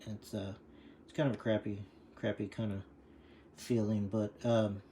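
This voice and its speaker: In a casual how-to clip, a bike mechanic speaks at a measured pace in a fairly low, level, mellow voice, with slight background noise. His rambling explanation of the repair is packed with fillers, and leaning over leaves him breathing hard.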